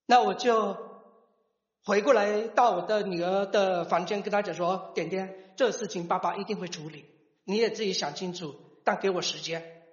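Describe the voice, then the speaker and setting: Halting middle-aged man in an echoey hall. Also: sits high. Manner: halting, restarts words mid-phrase. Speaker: father giving a testimony. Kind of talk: personal testimony storytelling. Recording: echoey hall, dull lo-fi sound.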